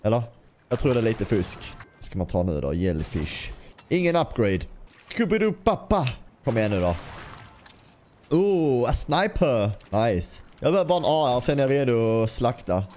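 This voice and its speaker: Talking straight to his viewers, this chatty gaming YouTuber narrates gameplay casually with light swearing and sudden bursts of playful scatting and sound effects. His voice is mid-range, sing-song and darkish in tone.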